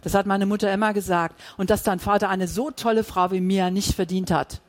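A man's voice: high-pitched, steady tone, fairly quick, close to an everyday voice. A reader voicing Isabel, a blunt, worldly woman friend who speaks dryly, in an audiobook. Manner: dry, blunt.

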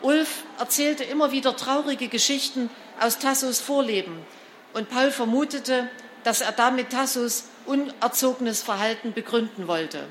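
A woman narrating a children's storybook in an expressive, lively reading style. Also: a little high, normal speed, slight background noise. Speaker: storybook reader.

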